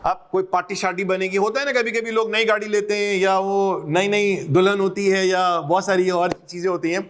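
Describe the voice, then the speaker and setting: A man's voice: sits high, fairly even intonation, a little fast, clean tone. A male accounting lecturer, giving a classroom lecture, slipping English terms into his explanations and quizzing students as he goes. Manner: jokes and teases students.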